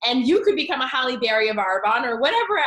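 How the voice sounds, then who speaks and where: Woman hyped up pitching her biz, kinda high voice, lots of um and like, echoey room. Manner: excited, rapid, chatty with fillers. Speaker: network marketing consultant. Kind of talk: enthusiastic business pitch.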